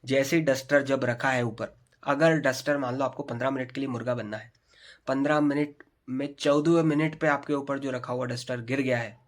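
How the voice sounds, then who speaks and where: A man in his thirties telling a school story to camera, chatty and animated, talking straight to his viewers. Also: mid-range voice, moderate pace. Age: 30s. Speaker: storytelling vlogger.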